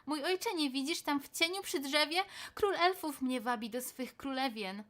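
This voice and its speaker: A woman voicing a frightened young boy who pleads urgently with his father in a high voice. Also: animated, normal speed, a bit bright.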